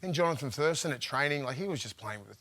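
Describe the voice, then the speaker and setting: A man, a former player, telling rambling, animated stories in casual chat and laughing often. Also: mid-range voice, quick pace.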